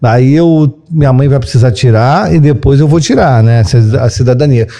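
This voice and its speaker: A man's voice: mid-range voice, normal speed, mellow. A Brazilian man with a Brazilian Portuguese accent, hosting a podcast interview in a casual, motivational way and dotting his talk with "né" and "entendeu". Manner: motivational, leans on "né" and "entendeu" fillers. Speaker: podcast host, therapist.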